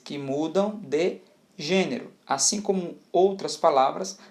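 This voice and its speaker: A man teaching a video lesson, explaining patiently and checking in often. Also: fairly high pitch. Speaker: Spanish teacher.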